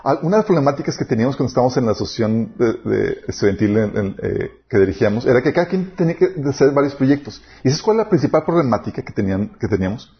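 A man's voice: mid-range voice, very fast, few pauses. A man preaching a sermon, telling personal stories and acting out quoted dialogue. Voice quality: animated, storytelling with quoted dialogue. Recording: dull lo-fi sound.

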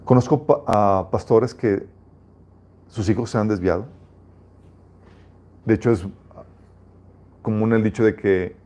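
A man's voice: on the low side, takes it slowly, pauses often, dark tone. A man preaching a sermon as a pastor, reading scripture aloud and speaking emphatically, often restarting his phrases.

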